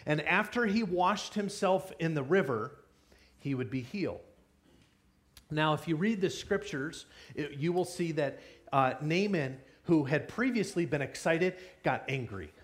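A man giving a lively children's sermon, asking the kids questions and joking with them. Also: fairly high pitch, measured pace. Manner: energetic, playful, asks the kids questions. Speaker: children's pastor. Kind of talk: kids' sermon with audience interaction.

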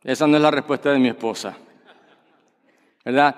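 A man's voice: medium pitch, fairly even intonation, moderate pace. A man preaching a sermon, projecting his voice and asking the congregation rhetorical questions. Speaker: pastor. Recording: long reverb of a church hall.

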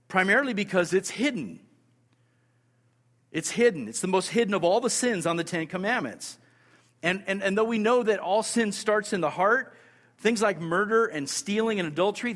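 A man's voice: high-pitched, fairly bright tone, long reverb tail. A man preaching a sermon, emphatic, repeating key phrases and asking his listeners rhetorical questions. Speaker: pastor.

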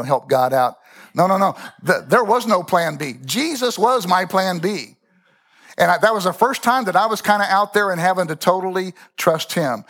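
A man's voice: on the high side, fairly bright tone. A man in his sixties preaching a sermon, telling a personal testimony with emphatic repetition. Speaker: pastor.

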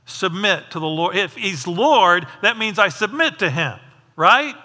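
Preacher guy, talks to the crowd like a chat, high bright voice. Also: lively intonation, a little slow, in a large hall. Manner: conversational, asks the audience questions. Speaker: pastor. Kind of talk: sermon.

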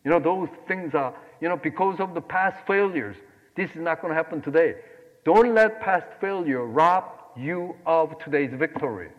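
High-voiced Korean-born man preaching in a hall. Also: moderate pace, highs cut off. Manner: animated, swings between loud exclamations and quiet asides. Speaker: pastor. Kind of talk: sermon.

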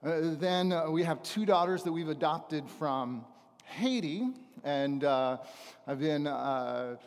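A man's voice: fairly high pitch, slow. Middle-aged man giving church testimony in reverberant hall. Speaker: visiting preacher and missionary trainer. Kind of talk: church testimony, sermon to a congregation. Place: large church auditorium, speaking from a stage.

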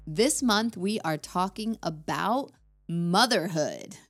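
Low-voiced thoughtful woman pastor. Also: expressive, slow pace, faint music behind. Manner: warm, thoughtful, searching for words. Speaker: pastor and podcast co-host. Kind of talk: casual conversation.

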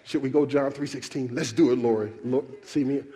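A man's voice: medium pitch, moderate pace. A man preaching a sermon, asking his congregation questions and calling for answers. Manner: animated, calls out questions to the congregation.

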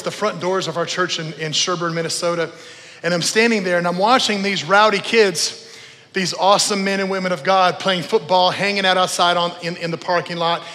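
Telling stories to his congregation in a large church room, a middle-aged man who once served as a youth pastor preaches informally, emphatic and conversational, repeating phrases and checking that his listeners are with him. He has a high-pitched, bright, forceful voice, and the hall sound echoes.

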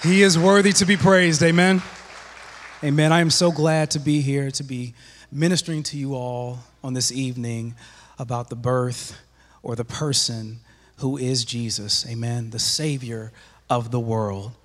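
A man's voice: mid-range voice, fairly even intonation, measured pace, a faint crowd. A man preaching a Christmas Eve sermon as pastor, with a humorous, conversational style. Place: church sanctuary. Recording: long church reverb.

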